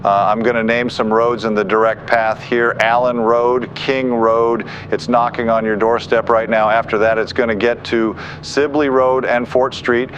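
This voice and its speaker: This weather forecaster gives grave, insistent, unscripted live coverage of a tornado. His voice is medium-pitched and fairly bright, with little pitch movement, a moderate pace and few pauses. The recording sounds muffled and dull, carrying faint noise.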